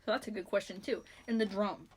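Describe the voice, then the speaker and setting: A young woman co-hosting a casual podcast, joking and animated and swearing freely. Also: medium pitch, fast talker, husky. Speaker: podcast co-host. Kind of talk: casual chat.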